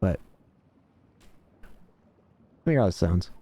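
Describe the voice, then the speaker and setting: A man's voice: low-pitched, expressive, slow pace, dark tone. A man giving casual, offhand video game commentary, rambling to himself, with some static on the mic.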